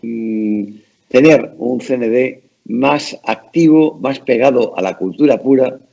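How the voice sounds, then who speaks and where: A man's voice: mid-range voice, takes it slowly, gravelly, mellow, lo-fi sound. A man hosting a conversational interview in a courteous, formal and wordy way. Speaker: interview host.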